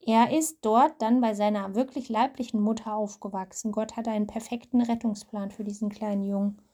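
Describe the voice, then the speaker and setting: A woman's voice: mid-range voice, steady tone, a little fast, warm tone. A mother telling and reading a Bible story to her child, explaining as she goes.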